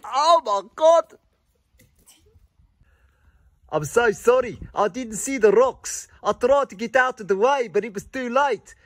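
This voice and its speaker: Comic skit: fussy, overdramatic doll husband, played by a man, high voice. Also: normal speed, no room sound, studio quality. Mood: fretful. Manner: overwrought, theatrical. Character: melodramatic doll man lost on safari. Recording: faint music behind.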